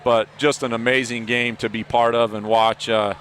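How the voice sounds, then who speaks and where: A man's voice: medium pitch, normal speed, slight background noise. A man doing color commentary after a basketball game, out of breath, talking in long rambling sentences full of "you know". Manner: rambling, many you-knows, excited. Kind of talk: postgame sports commentary.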